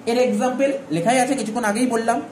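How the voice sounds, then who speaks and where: Fast-talking and a little mellow, the man has a very high voice with fairly even intonation. He's teaching accounting in a relaxed lecture, speaking right to his class with frequent "all right?" checks, recorded in an echoey space with faint ambient noise.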